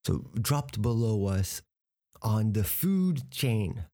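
A man's voice: on the low side, sing-song, takes it slowly, mellow. An American man teaching English vocabulary, patiently breaking words into pieces and spelling them out for a learner. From United States. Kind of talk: explaining vocabulary from a TV clip.

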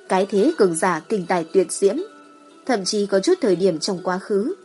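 A woman's voice: mid-range voice, darkish tone. A woman reading a scripted fantasy story as an audiobook narrator.

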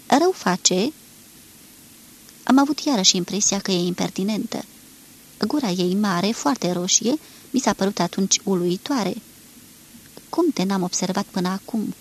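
A woman reads a literary novel aloud at a measured pace, giving the lines of dialogue a light touch. Her voice is somewhat husky and sits at a middle pitch. It sounds like an archive radio reading from the early eighties. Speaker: reader of a novel. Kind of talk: scripted literary narration. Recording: 1983 archive radio recording.

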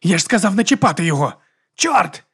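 A man voicing an agitated male monk who shouts orders in alarm. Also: sits high, big pitch swings, fast, breathy edge, pitched above the performer's own voice, full character voice. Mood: frantic commanding. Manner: frantic commanding shouts.

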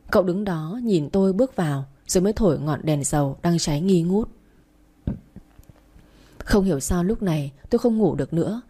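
A woman narrating a first-person story as an audiobook, in a steady, even manner. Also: lowish voice.

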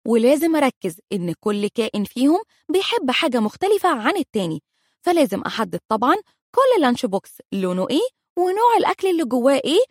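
A woman's voice: sits high, breathy edge, dry recording, clean studio sound. A woman with an Egyptian Arabic accent, a mother of three telling comic stories with dramatic, self-mocking exaggeration. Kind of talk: comic storytelling.

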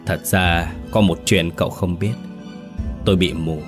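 A man voicing a calm, blind young female spirit medium in a ghost story, speaking coolly and matter-of-factly. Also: deep voice, over music. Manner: cool, unhurried, matter-of-fact.

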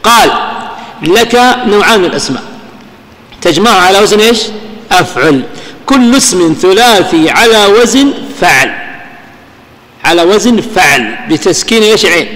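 A man teaching grammar in a recorded lecture. He keeps asking listeners rhetorical questions and recites verses slowly. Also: high-pitched, animated, fairly bright tone. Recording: lecture hall with long reverb.

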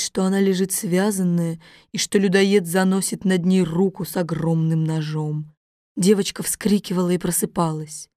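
A woman narrating a children's story in a measured, unhurried reading. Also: lowish voice, mellow, dry recording, studio quality.

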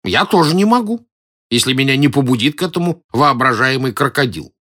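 A man's voice: mid-range voice, animated, fairly quick, pushed and bright, pitched above the performer's own voice. A man playing a timid, pedantic elderly male professor in an audiobook, whining and indignant. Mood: fussy, whiny. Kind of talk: audiobook character voice.

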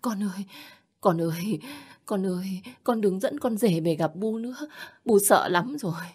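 A woman's voice: mid-range voice, normal speed, darkish tone, slightly rough, natural voice. A woman playing a terrified, stammering old mother. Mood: pleading. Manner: stammering, pleading. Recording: long hall reverb with music.

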